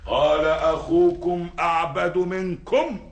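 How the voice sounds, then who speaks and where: An actor with an Egyptian accent playing a sheikh preaching to children in a radio drama, in a didactic, storytelling way. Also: male voice, on the high side, steady tone, unhurried, roomy sound, recorded from a distance. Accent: Egyptian Arabic.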